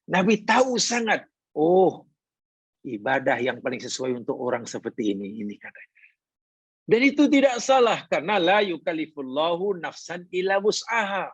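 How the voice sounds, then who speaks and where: A man giving a hadith lesson as a religious teacher, in a measured, explanatory way with rising emphasis. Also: a little high, very animated, slightly rough, no echo. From Malaysia.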